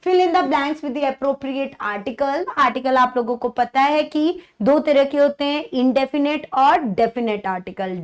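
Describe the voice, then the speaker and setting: High-voiced Indian woman teaching slowly. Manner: slow, drawn-out reading of example sentences; repeats "thik hai" often, coaxing questions to the class. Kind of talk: exam-prep English lesson for children.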